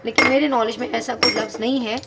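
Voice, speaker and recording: A woman's voice: a little high, fairly even intonation, quick pace, heavy background noise. A woman teaching English grammar in a video lesson, patiently explaining step by step and spelling words out letter by letter.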